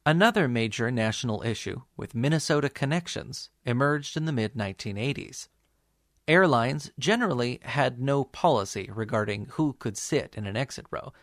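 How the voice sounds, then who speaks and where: A man narrates a documentary from a script. His voice sits at an average pitch and is captured dry, with no room sound. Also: lively intonation, normal speed, no room sound.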